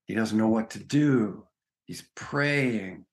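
A spiritual teacher talks through his ideas in an earnest, emphatic way, stopping to ask "right?". His voice sits on the low side, with a gravelly fry under it. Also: takes it slowly. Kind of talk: reflective conversation.

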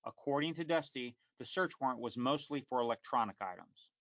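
A man's voice: medium pitch, expressive, a bit bright, no room sound. Male true crime narrator, dry, dull recording. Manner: measured, formal, matter-of-fact reporting. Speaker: podcast host and narrator.

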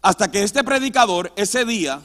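A man with a strikingly high voice preaches a sermon that mixes in personal testimony, emphatic and moving between loud and hushed delivery. His voice carries a long reverb from the church sanctuary, as if heard across a big hall. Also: expressive, normal speed. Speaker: pastor.

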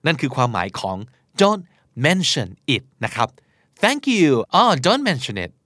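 A man teaching English expressions in a lively lesson, switching between explanation and acted example lines. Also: medium pitch, measured pace, noisy background.

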